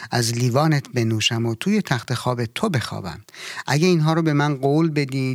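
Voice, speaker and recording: A man voicing a small, pushy male frog in a storybook reading, speaking low and partly whispered. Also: dry recording, clean studio sound, natural voice.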